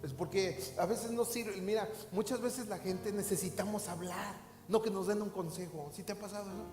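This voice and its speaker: A man's voice: high voice, fairly even intonation, moderate pace. A man with a Mexican accent, a pastor preaching a sermon with repetition and direct questions to the listeners. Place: church hall. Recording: echoey hall with faint music.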